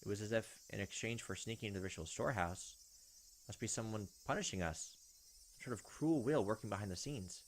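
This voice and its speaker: A man voices a visual novel as a let's player, pausing between read lines for casual comments. He speaks on the low side and a little quickly, with slight hiss or hum in the recording.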